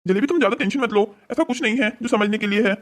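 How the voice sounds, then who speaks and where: A voice actor playing a sly, smooth-talking young man in a cartoon story, coaxing and evasive. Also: medium pitch, racing, a bit bright, close to an everyday voice.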